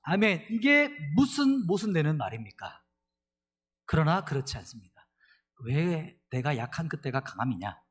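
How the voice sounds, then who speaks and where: Animated husky-voiced male pastor preaching. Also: a little high, normal speed. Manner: animated preaching, leads congregation in reading scripture aloud. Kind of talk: sermon.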